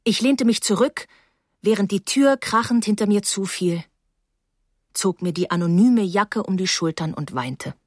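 A woman reading a novel aloud in the first person with an expressive, dramatic delivery. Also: medium pitch, unhurried, no echo, studio quality. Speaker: audiobook reader. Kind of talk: expressive audiobook narration.

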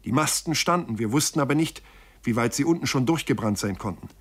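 A man reads an old sea tale aloud in a steady, mid-pitched voice. His telling is measured and dramatic, and he often turns to the listeners with asides as he spins the story. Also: slightly rough. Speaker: narrator. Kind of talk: audiobook reading of a first-person sea tale.

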